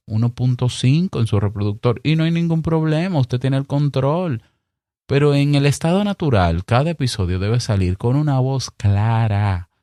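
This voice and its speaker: A man with a Dominican Spanish accent giving podcast advice in a clear, deliberate, emphatic way, acting out little exchanges. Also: mid-range voice, darkish tone, no echo, clean studio sound. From Dominican Republic. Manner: emphatic, chatty, mock-acts little dialogues. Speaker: podcast host. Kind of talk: solo podcast advice monologue.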